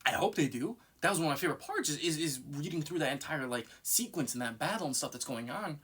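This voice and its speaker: A man's voice: a little high, animated, fast talker, a bit bright, breathy edge. A man giving casual, unscripted fan commentary in a nervous, rambling way, circling back and repeating himself.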